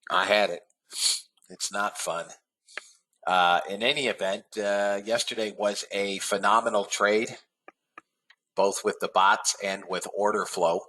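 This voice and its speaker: Hosting a live trading webinar, a man with a lowish, sharp-toned voice talks steadily and a little slowly. A head cold makes him sound nasal, and he rambles, filling gaps with "uh" and restarting sentences often.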